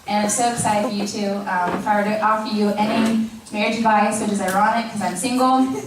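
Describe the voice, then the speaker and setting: A woman's voice: medium pitch, fairly even intonation, fast, noisy background. A young adult woman giving an informal wedding toast, telling her anecdotes in a chuckling manner. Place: large echoey room at a wedding reception. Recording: echoey hall, far mic, audience audible. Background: audience crowd.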